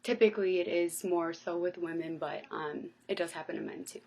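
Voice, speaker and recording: Low-voiced young woman, hesitant delivery. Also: fairly even intonation, brisk, a little mellow, a little hiss or hum, rough recording. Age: 20s. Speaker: college student interviewee. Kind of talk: personal testimony.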